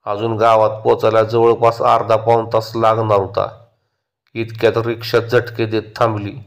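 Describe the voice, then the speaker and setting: A man narrating a horror story in a steady, measured way. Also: on the low side, gravelly.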